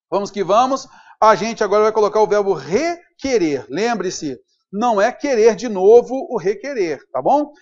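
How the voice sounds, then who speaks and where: High-voiced upbeat Brazilian teacher. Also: male voice. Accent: Brazilian Portuguese. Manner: upbeat, keeps checking in with students. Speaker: Portuguese grammar teacher. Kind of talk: whiteboard grammar lesson. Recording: dull lo-fi recording.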